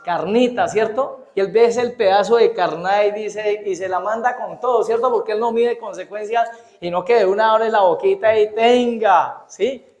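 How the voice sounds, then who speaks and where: Fast-talking pastor, high voice. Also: male voice. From Colombia. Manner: animated, asks the congregation frequent rhetorical questions; fast-talking, trips over his words. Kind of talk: sermon. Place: church. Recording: echoey church hall.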